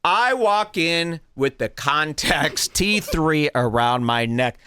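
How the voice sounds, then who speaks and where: A man's voice: fairly high pitch, expressive, slow, sharp tone, clean tone, no echo, clean studio sound. A man hosting a podcast, telling a comedic story in an exaggerated, indignant way. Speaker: podcast host.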